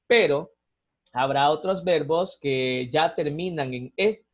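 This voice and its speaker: A man giving a recorded lesson, explaining grammar rules patiently step by step, often checking in with a quick tag question. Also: on the high side. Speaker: teacher. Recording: dull lo-fi recording.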